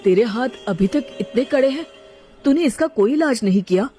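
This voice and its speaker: A woman's voice: a little high, expressive, normal speed, mellow, soft background music, natural voice. A woman voicing a caring, coaxing young husband and son in a voiced story. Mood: calm.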